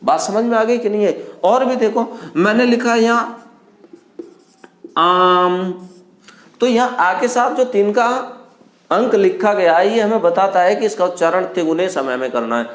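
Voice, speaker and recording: A man teaching Hindi grammar in a classroom, asking his students questions and answering them himself, and stretching vowels out slowly to show how long they last. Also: high voice. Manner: draws vowels out slowly to show their length. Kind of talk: classroom lecture. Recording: echoey classroom.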